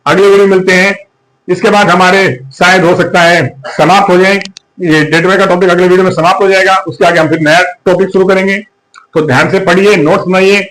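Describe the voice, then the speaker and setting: A man's voice: sits high, fairly even intonation, brisk, fairly bright tone, poor audio. A man giving a classroom lecture, often asking the students rhetorical questions and answering them himself. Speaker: teacher.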